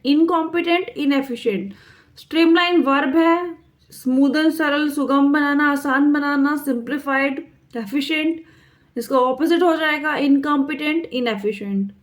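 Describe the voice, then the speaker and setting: Slow high-voiced woman drilling vocabulary. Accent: Indian. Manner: slow, drilling repetition of words. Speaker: English vocabulary teacher. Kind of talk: exam-prep vocabulary lesson.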